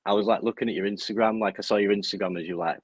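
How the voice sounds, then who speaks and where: A man's voice: fairly low pitch, steady tone, racing, slightly rough, no room sound. A young man with a strong Bradford accent chatting casually in laddish, sweary slang as an interview guest. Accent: strong Bradford, West Yorkshire English. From Bradford, northern England. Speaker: interview guest, music performer. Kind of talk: casual chat, telling stories.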